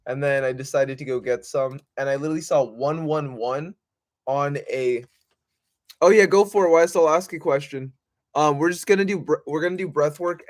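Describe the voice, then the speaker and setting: A man hosting a casual livestream, talking in an informal, rambling, slangy way. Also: a little high. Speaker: livestream host. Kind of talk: casual unscripted spiritual livestream chat.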